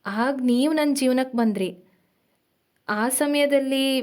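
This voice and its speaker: A woman's voice: sits high, slow, darkish tone. A woman voicing a young woman who hurriedly confesses a painful secret to her partner, strained and pleading.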